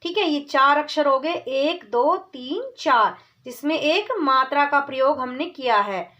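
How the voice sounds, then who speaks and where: A woman with a high, bright voice teaches young children, speaking slowly and patiently. She drags out each word and then says it again, calling the children "beta" as she goes. The recording sounds a little dull and lo-fi. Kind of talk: children's reading lesson.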